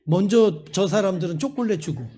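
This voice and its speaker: A man voicing a cocky young man in a spoken sermon story, boastful at first and quick to complain. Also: high-pitched, mellow, natural voice. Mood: brash.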